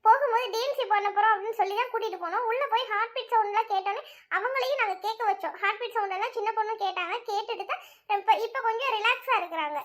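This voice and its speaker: A woman voicing a calm, reassuring female hospital doctor in a cartoon, explaining patiently. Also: very high voice. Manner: measured, explaining.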